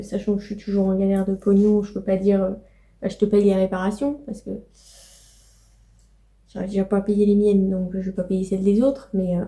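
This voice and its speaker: A woman's voice: medium pitch, warm tone. A young woman chatting casually in a home vlog, rambling with many fillers and cooing to her pets. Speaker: vlogger.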